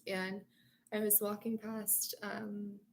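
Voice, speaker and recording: A woman's voice: medium pitch, little pitch movement, takes it slowly, creaky, slight background noise. An American woman telling a meandering personal story in a dreamy, sleepy way, full of fillers and "like". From United States. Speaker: vlogger.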